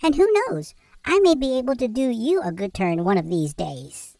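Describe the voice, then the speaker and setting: A squeaky little storybook mouse. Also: male voice, expressive, moderate pace, gravelly, a little mellow, no room sound, studio quality, exaggerated voice. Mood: pleading. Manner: squeaky, earnest, pleading. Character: tiny timid pleading male mouse. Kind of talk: storybook character voice.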